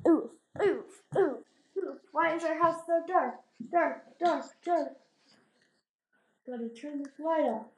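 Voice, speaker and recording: Filming on a handheld phone indoors at night, a girl vlogger gives a casual house tour in a high voice. She talks slowly with long pauses, rambling and playful, with the odd sudden exclamation.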